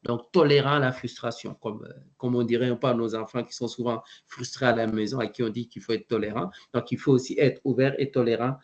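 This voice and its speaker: A man giving an online presentation to educators, halting often with fillers and restarts. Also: mid-range voice, fairly even intonation, muffled recording. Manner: hesitant, frequent fillers and restarts.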